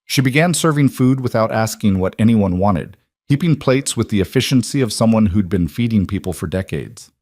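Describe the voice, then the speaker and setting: A male narrator reading fiction aloud in a steady, measured manner, his voice sitting low. The recording is dry and close, with no room sound behind him. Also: dry recording. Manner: even, measured storytelling. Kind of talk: scripted audiobook narration.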